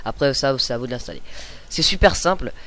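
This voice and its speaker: A young man hosting a casual screen-recorded software tutorial, chatty and hesitant, with many fillers and self-corrections. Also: medium pitch, animated, fast talker. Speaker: tutorial host.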